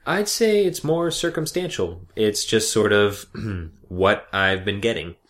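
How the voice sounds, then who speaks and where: A man's voice: fairly low pitch, slow pace. A young man, an actor, chatting casually and rambling about his work with frequent laughs. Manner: relaxed, rambling, laughs often. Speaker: actor guest. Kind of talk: casual chat.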